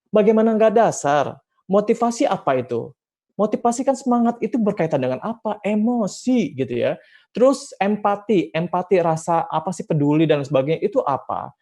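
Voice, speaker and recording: A man with an Indonesian accent and a slightly high voice gives a seminar talk to parents and teachers. He speaks with energy, keeps asking himself questions and then answering them, and now and then acts out little snatches of dialogue. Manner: lively, emphatic, with rhetorical questions and acted-out quotes.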